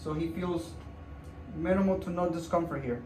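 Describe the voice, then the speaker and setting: A male doctor with a higher, somewhat dark-toned voice speaks at normal speed during a hand procedure indoors at a clinic. He keeps the walkthrough informal and calming for the patient and viewers, saying things more than once while demonstrating. Echo and background noise come through the far-off mic.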